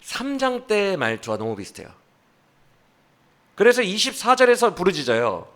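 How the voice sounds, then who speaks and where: At a church service, a male pastor preaches an animated sermon, questioning the congregation while acting out the speaker's complaints. His voice is high and moves at a moderate pace.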